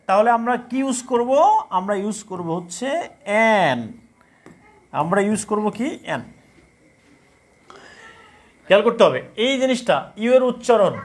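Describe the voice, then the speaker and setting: High-voiced man drilling a grammar class. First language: Bengali. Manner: repeats questions and answers himself, drilling students. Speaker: English grammar teacher. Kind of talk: live online class, reading chat comments.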